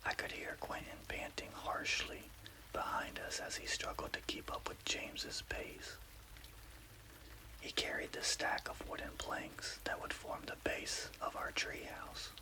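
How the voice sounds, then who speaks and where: A man's voice: measured pace, low-quality recording. Male ASMR horror narrator, whispers throughout with no voicing, careful storyteller's delivery over rainfall. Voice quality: unvoiced, breathy whisper.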